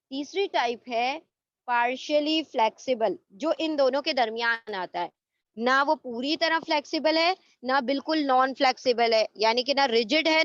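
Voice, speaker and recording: A woman's voice: high voice, fairly bright tone, dry recording, muffled recording. A woman teaching an online Arabic grammar lesson, explaining patiently and repeating each term, with English words mixed into her speech.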